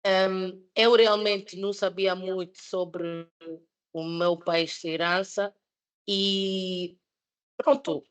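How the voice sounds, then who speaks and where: A Swiss woman in her thirties, who isn't a native Portuguese speaker, presents a project during a panel debate. Her medium-pitched voice stays steady and she draws out her words, with many fillers and restarts.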